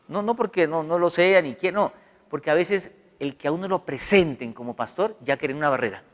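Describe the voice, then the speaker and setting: A man's voice: fairly high pitch, a little fast. A middle-aged man, a pastor, giving a sermon in a conversational, storytelling way. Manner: conversational, animated storytelling with acted quotes. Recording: long hall reverb.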